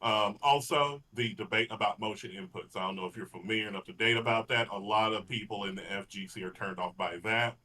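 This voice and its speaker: A man from Texas with a Texan accent, co-hosting a casual fighting-game podcast and making his points in an earnest, deliberate way. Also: lowish voice, pushed and bright. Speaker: podcast co-host. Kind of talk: casual chat.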